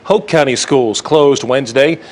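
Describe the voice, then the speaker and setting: A man's voice: mid-range voice, measured pace, a little mellow. An American man anchoring a TV newscast, reading scripted news.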